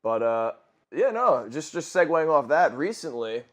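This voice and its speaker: This man in his twenties has a fairly high, sing-song voice with a fairly bright tone, and he takes his time. As a gaming commentator, he rambles through crude stories over gameplay, swearing a lot and correcting himself.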